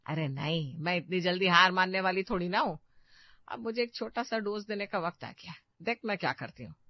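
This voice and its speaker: A woman voicing a bossy, scheming middle-aged mother-in-law who talks loudly and commands. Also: fairly low pitch, expressive, brisk, no room sound, dull audio. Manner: loud, commanding, scolding.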